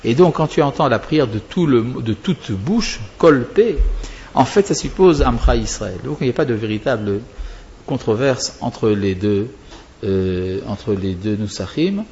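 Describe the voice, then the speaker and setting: A man's voice: medium pitch, lively intonation, unhurried, darkish tone, muffled recording, a little hiss or hum. A male religious teacher explaining prayer to students, wandering off topic and answering his own questions.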